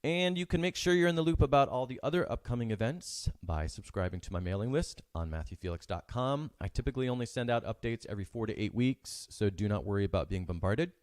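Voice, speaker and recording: A man hosting his own podcast, chatty and upbeat, often pausing with fillers as he signs off. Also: medium pitch, expressive, a little mellow, dry recording, studio quality. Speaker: podcast host and author. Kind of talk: casual live-stream sign-off.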